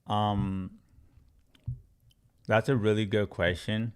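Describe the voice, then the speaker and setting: A man's voice: on the low side, little pitch movement, slow pace, smooth. A man from Congo, a crypto trading educator, answering viewers' chat questions on a live stream with emphatic repetition and step-by-step chart talk.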